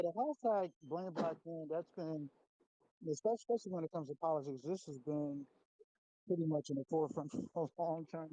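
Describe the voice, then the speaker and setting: A man's voice: on the high side, dark tone, no echo. A man calling in to a talk show from a car, speaking casually and greeting listeners as family, his audio muffled and breaking up. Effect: muffled, poor call audio. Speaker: call-in panelist. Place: in a car near a soccer field. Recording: muffled, dull call audio.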